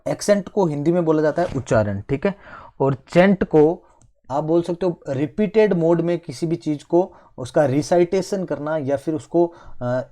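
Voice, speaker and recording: Indian guy explaining english word roots, mellow voice a bit high, keeps saying theek hai. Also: lively intonation. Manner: fills pauses with "theek hai". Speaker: English vocabulary teacher. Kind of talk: online vocabulary lesson.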